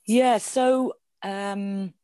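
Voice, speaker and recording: A woman's voice: medium pitch, steady tone, very slow, warm tone, no room sound. Middle-aged woman, dry close sound. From Devon, England. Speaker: podcast guest, theatre performer. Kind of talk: conversational interview.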